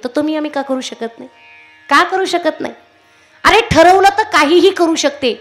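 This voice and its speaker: A woman's voice: sits high, fairly bright tone. A woman telling a story in a kirtan sermon, asking the audience questions and acting out the characters. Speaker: kirtan preacher.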